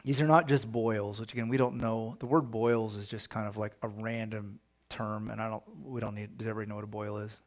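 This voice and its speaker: A man's voice: lowish voice, fairly even intonation, fairly quick. A man leading a casual Bible study, talking conversationally and reading scripture aloud with emphasis. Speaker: pastor.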